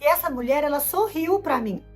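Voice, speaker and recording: A woman's voice: sits high, animated, brisk, faint music behind. A middle-aged Brazilian woman with a Brazilian Portuguese accent, giving an emotional personal testimony and acting out her own past words as she tells it.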